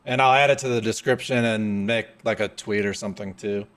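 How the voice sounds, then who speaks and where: A man's voice: lowish voice, steady tone, a little fast, fairly bright tone. A young man hosting a live coding stream, chatting casually, thinking aloud and laughing often.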